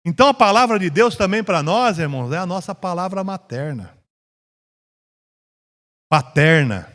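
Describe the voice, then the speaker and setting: A man with a Brazilian Portuguese accent teaching a Bible class in a church, slow and drawn out, rising to emphasis when reading scripture. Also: sits high, expressive, a bit bright. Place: church hall. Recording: echoey church hall.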